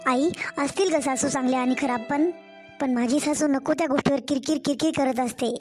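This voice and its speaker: A woman's voice: high voice, fairly quick, soft background music, close to an everyday voice. A woman voicing a weary young new mother, complaining and pleading to her own mother in a cartoon story.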